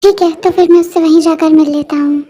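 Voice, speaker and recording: A very high-voiced reader playing a remorseful young man who pleads to be forgiven. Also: fairly even intonation, brisk, dark tone, highs cut off. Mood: pleading. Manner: pleading, apologetic.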